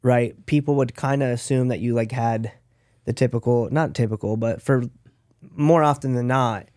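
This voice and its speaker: A man hosting a podcast, asking halting questions in casual slangy chat. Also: medium pitch, steady tone, darkish tone, no echo, studio quality. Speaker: podcast host.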